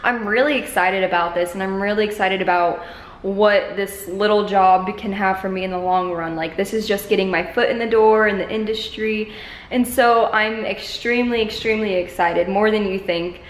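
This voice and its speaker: A woman in her twenties vlogs casually to a camera she holds at arm's length, speaking at a moderate pace in a steady, medium-pitched voice. She's in a medium-sized living room whose bare walls make the sound echo.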